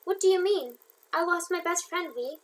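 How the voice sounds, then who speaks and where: A woman reading the lines of a grieving female friend who is crying on the phone, in her own high voice. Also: moderate pace, rough recording. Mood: tearful. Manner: tearful, earnest.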